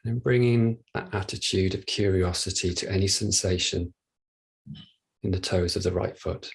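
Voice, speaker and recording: A male meditation teacher with a husky, low voice leads a body scan, his delivery flat and gentle. The guided practice is unhurried, with soft instructions and long pauses.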